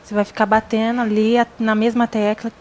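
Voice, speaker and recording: A woman on a radio talk show who explains her points calmly and repeats key phrases for emphasis. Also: a little high, a little fast. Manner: calm, explanatory, stresses points by repeating them. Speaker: radio show participant on parenting.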